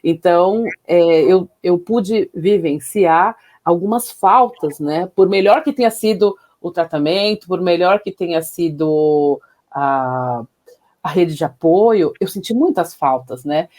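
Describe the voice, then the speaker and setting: A woman's voice: lowish voice, slow, a little mellow. Reflective woman doctor telling her story. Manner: reflective, emotional, many tag questions. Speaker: physician and podcast guest. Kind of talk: personal storytelling in an interview.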